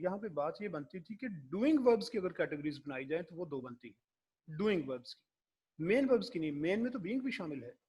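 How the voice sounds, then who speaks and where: A man lecturing on English grammar in Hindi-Urdu, explaining step by step and reading English definitions out slowly. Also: fairly high pitch, darkish tone, breathy edge. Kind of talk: recorded classroom lecture.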